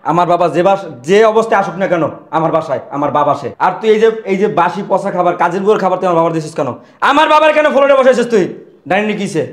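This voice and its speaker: An actor playing a hot-tempered husband who rough-talks and scolds his wife and her relatives over his father. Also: high-pitched, expressive, rapid-fire, roomy sound. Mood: angry scolding. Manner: shouting, scolding, rough colloquial speech. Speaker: angry son defending his father.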